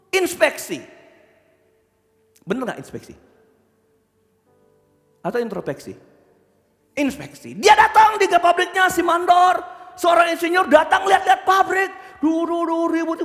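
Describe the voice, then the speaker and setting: A man preaching a sermon, acting out the characters in his stories with loud, animated shouts and asking the congregation questions. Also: very high voice, a little slow, long pauses, faint music behind. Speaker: pastor. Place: church. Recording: church hall reverb.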